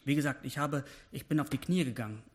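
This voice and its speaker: A man's voice: mid-range voice, fast talker. A man giving a personal devotional sermon, speaking with passion and rising to emphatic peaks when he voices prayers. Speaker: preacher.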